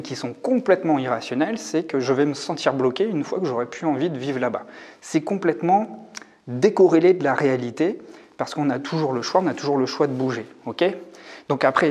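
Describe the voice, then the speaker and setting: A man's voice: medium pitch, a little mellow. Reflective man in his forties. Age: 40s. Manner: reflective, thinking aloud with frequent hesitations. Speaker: YouTube coach on hypersensitivity. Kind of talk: casual talk to camera. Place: rented room.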